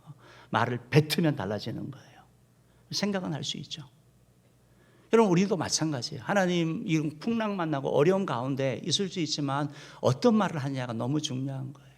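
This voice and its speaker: A man's voice: on the high side, lively intonation, brisk, darkish tone. A man, a senior pastor, preaching a sermon and speaking directly to his congregation, now and then leading them in reading aloud. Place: church sanctuary.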